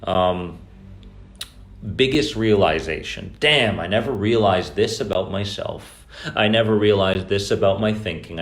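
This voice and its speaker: A man hosting a live stream about anxiety recovery, talking loosely to viewers and greeting them by name. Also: lowish voice. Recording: echoey room.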